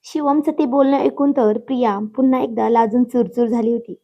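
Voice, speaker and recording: A woman telling a family story aloud in an expressive, steady storytelling manner. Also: a little high, a little fast. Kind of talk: scripted story narration. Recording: dull lo-fi recording.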